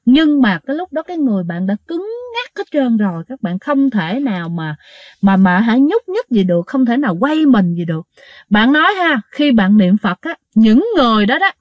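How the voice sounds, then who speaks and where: A woman telling ghost stories to her listeners in a casual, animated way, acting out the quoted dialogue. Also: on the high side, no echo, highs cut off. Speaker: ghost story narrator.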